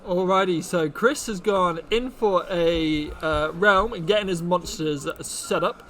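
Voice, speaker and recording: A young man co-hosts a card game stream and walks viewers through each play. He stays relaxed and explanatory, and his voice sits notably high for a man. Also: a little slow, a little hiss or hum. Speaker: tournament co-host and commentator. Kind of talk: casual live play-by-play commentary.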